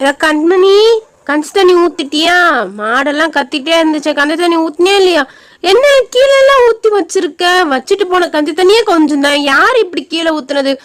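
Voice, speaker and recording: A woman's voice: high-pitched, a little fast, close to an everyday voice. A woman voicing a nagging old village granny. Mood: scolding. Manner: nagging, grumbling, scolding. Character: scolding old village grandmother. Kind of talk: doll-play skit acting.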